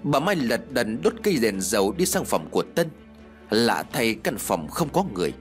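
A male storyteller narrating a ghost story audiobook in a steady, expressive reading. His pitch moves a lot from phrase to phrase, giving the tale shape. Faint music plays underneath. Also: moderate pace.

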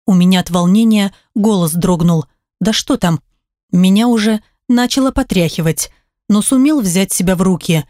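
A woman reading a first-person novel aloud in a steady, emotive voice. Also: mid-range voice, moderate pace, no echo, clean studio sound. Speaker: audiobook reader.

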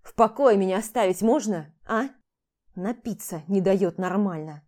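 A woman voicing a furious, heartbroken young man who talks rudely and shouts harshly in an audiobook. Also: mid-range voice, normal speed, lightly acted. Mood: angry, shouting.

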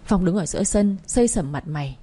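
A woman narrating a first-person audio story in a lively way, acting out the dialogue. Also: on the low side, a little fast, husky.

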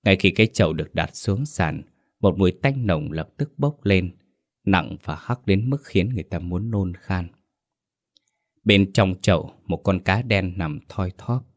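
Brief: male storyteller, very low voice, measured ghost story narration. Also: lively intonation. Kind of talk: scripted horror story narration.

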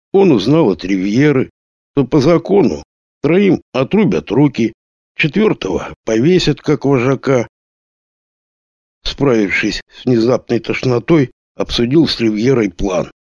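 A man reading a novel aloud as an audiobook, with a steady storytelling delivery. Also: medium pitch, no echo, studio quality. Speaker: audiobook narrator. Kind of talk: scripted narration.

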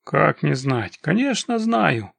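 A man's voice: fairly high pitch, very animated, takes it slowly, creaky, a bit bright, no room sound, full character voice. A man voicing a desperate middle-aged mountain man who pleads and wails for help finding his daughter. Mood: pleading. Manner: pleading, wailing.

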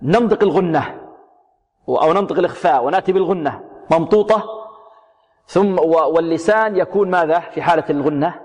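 A man teaching tajweed, repeating words slowly, drilling single sounds, asking and answering his own questions. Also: fairly high pitch, darkish tone. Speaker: Quran recitation teacher. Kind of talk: tajweed lesson on pronunciation. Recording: long hall reverb.

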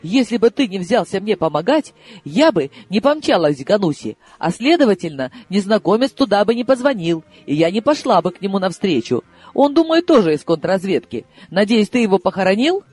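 A male reader voicing an excitable, indignant young woman of twenty-five who protests shrilly and half in tears. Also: high voice, brisk, breathy edge, pitched above the performer's own voice, full character voice.

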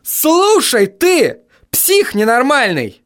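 A man voicing an exasperated young man yelling down the phone in an audiobook reading. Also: a little high, big pitch swings, takes it slowly, no echo, clean studio sound, exaggerated voice.

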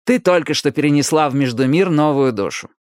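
A reader voicing a smug, scheming teenage ghost boy who talks smoothly and deliberately in an audiobook. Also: mid-range voice, animated, no echo, studio quality, natural voice. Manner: smooth, self-satisfied, measured. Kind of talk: audiobook character voice.

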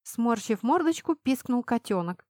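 A woman narrating a fantasy audiobook in an expressive, acted reading, recorded close to the mic. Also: fairly high pitch, unhurried, no echo.

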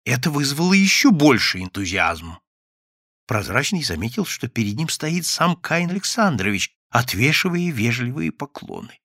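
A man narrating a classic novel as an audiobook reader, lively and expressive. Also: medium pitch, moderate pace, no echo, clean studio sound.

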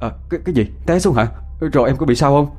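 A man's voice: fairly high pitch, fast talker, a little mellow, soft background music, voice pushed up, close to an everyday voice. A man voicing a stammering young man, in a storybook ghost tale. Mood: startled. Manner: stammering, pleading when scared.

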